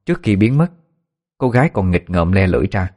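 A man narrating a ghost story in a calm, measured way. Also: low voice.

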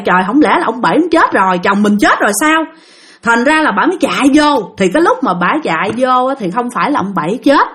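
A woman telling a ghost story in a chatty, casual way, speaking straight to her listeners. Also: a little high. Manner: chatty, addresses listeners directly.

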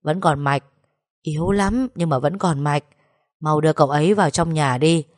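A woman's voice: sits low, normal speed, dry recording, studio quality, lightly acted. A woman voicing a stern old village man who barks curt, scolding orders. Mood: gruff urgent.

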